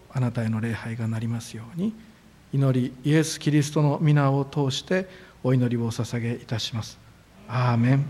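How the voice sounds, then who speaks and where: A man serving as a church pastor, leading a formal prayer and then preaching in a relaxed, friendly way. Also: medium pitch, husky. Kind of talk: prayer and sermon. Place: church sanctuary.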